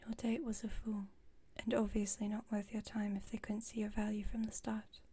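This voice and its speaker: This whisper, from a woman playing a haughty, playful vampire in an intimate ASMR roleplay, is breathy and mellow, at medium pitch and normal speed, close to an everyday voice. Her delivery stays fairly even. Beneath the formal, wry teasing lies a protective streak, and her mood is concerned and blunt.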